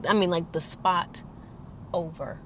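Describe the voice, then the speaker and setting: Young woman vlogger, casual storytime, animated delivery. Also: measured pace, a little hiss or hum. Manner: animated, acts out quotes in higher voices.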